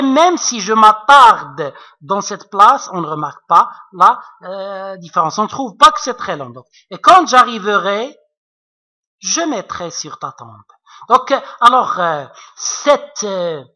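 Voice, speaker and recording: A man teaching a recorded literature lesson, hesitant and full of fillers, often pausing to check that his students follow. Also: high voice, pushed and bright. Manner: hesitant, many fillers, keeps checking understanding. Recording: dull lo-fi recording.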